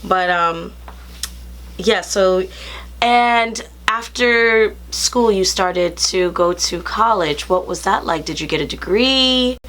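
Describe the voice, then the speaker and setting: Hosting a casual interview, a woman speaks slowly in a medium-pitched, slightly bright voice, encouraging her guest and affirming him often with lots of fillers. A little hiss or hum sits under the recording.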